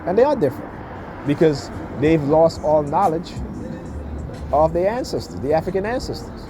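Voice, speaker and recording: Music plays behind a man with a fairly high, sing-song voice as he rants at a moderate pace, giving his opinions informally. He drives each point home with short questions such as "okay?" and "right?"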